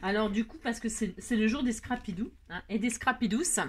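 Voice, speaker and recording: A woman with a slightly high voice hosts a casual scrapbooking tutorial. She chats playfully, teases her viewers and mutters to herself as she works, with a faint hiss in the background. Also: fairly quick. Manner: playful, teasing the viewers, rambling asides; talks to herself while working, frequent filler words. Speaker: crafting channel host.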